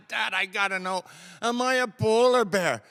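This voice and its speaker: Shy little polar bear cub, guy voicing it, quiet and high, kinda pleading. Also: unhurried, smooth, big-room sound, exaggerated voice. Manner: soft, pleading, hesitant.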